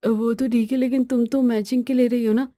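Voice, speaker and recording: A woman's voice: fairly high pitch, level tone, brisk, warm tone, no echo, close to an everyday voice. A woman voicing a weary, henpecked young husband in a storybook tale, grumbling and pleading.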